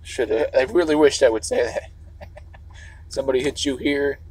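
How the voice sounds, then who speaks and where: Rambling husky man in a vehicle. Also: mid-range voice, a little slow, a little mellow, dry recording, poor audio. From Chicago area. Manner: meandering, restarts, swears often. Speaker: livestreamer. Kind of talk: rambling livestream monologue.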